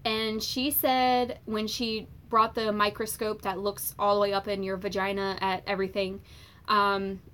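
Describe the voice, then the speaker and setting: Young woman vlogger, bright voice, casual storytelling with lots of fillers. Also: medium pitch, a little slow, clean tone. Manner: chatty, many fillers, animated retelling.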